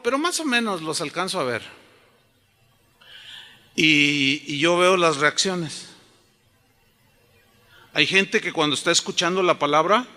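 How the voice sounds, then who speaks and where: A pastor preaching a sermon to a congregation, animated and telling stories. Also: male voice, on the high side. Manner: animated, storytelling, addresses the congregation. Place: church auditorium. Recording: reverberant auditorium.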